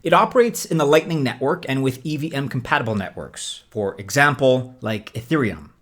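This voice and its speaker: A man's voice: medium pitch, expressive, fairly quick, a bit bright. A man hosting a scripted explainer video, speaking like a presenter with conversational, casual asides. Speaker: host of a crypto investing video.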